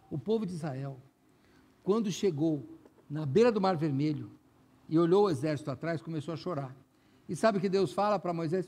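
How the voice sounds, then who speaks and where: Speaking with a Brazilian Portuguese accent, this man is a pastor whose sermon feels conversational, with frequent direct remarks to the congregation. His voice sits high and sounds husky.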